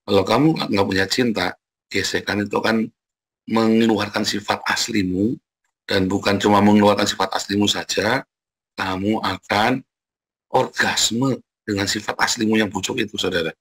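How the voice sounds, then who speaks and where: Pastor guy, husky low voice, chatty sermon, keeps laughing and acting out scoldings. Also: steady tone, moderate pace.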